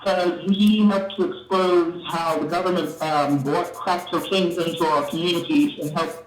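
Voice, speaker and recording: A man calling in to a live show, his voice muffled as if heard through a door, talking in halting bursts with restarts. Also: a little high, fairly even intonation. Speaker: caller. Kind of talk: call-in comments. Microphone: phone line. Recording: muffled phone call from far off with echo.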